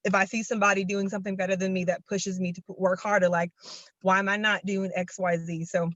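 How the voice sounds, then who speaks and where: A woman's voice: mid-range voice, little pitch movement, quick pace, fairly bright tone, no echo, lo-fi sound. A young woman, out of breath, sharing a long-winded, earnest and enthusiastic testimonial on a video call. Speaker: program participant.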